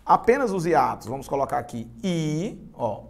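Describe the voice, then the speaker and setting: A man's voice: on the high side, normal speed, creaky. A man with a Brazilian accent teaching a live online grammar lesson for exam prep, chatty and talking straight to his students. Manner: animated, chatty, addresses students directly.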